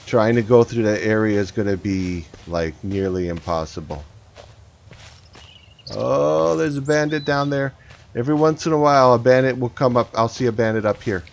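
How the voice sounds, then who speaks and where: A man hosting his own gaming channel, chatting excitedly to viewers as he plays. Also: medium pitch, moderate pace, creaky. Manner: excitable, talks to viewers while playing. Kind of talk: casual gameplay commentary. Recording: slightly dull, faint background noise.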